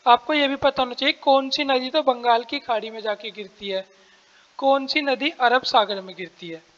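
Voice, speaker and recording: A man teaching an exam-prep lesson, explaining step by step, asking and answering his own questions and clearing his throat often. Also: very high-pitched, normal speed, a bit bright, big-room sound, dull audio.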